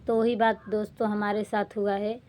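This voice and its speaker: एक युवा महिला व्लॉगर, जो बार-बार अपनी बात दोहराते हुए दुखी और गुहार भरे लहजे में अपनी निजी परेशानियाँ सुनाती है।. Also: female voice, mid-range voice, level tone, moderate pace, darkish tone. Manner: distressed, pleading, repetitive; defiant outburst. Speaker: vlogger. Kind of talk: emotional personal vlog.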